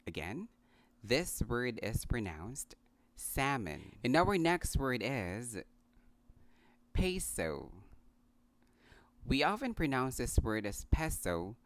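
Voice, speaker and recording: A man with a Filipino accent teaching English pronunciation, repeating each word deliberately and slipping in Tagalog phrases. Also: medium pitch, sing-song, dry recording. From Philippines. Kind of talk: pronunciation lesson.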